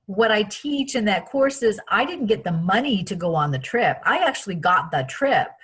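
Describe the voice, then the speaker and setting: A woman from France, a guest in an interview, telling personal stories in a chatty, animated way with many restarts. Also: medium pitch, normal speed, slightly rough. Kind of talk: casual interview storytelling.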